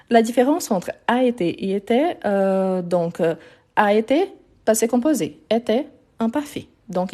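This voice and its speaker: A woman gives a live online French lesson, explaining grammar patiently step by step and frequently checking in with her viewers. Her voice is mid-range and mellow.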